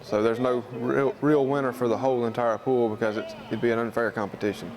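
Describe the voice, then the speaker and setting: Crowd noise surrounds this student club president as he answers an informal interview in a Southern US accent. He talks a little fast in a flat, medium-pitched voice, keeping his explanations plain-spoken and folksy.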